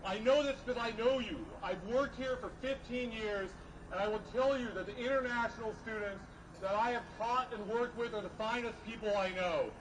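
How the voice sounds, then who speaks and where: A middle-aged man delivers an earnest podium speech in a high-set voice. He builds measured, emphatic phrases, heard a little away from the mic with clear noise around him. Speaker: professor speaking at a rally. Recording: distant mic, noisy outdoor rally.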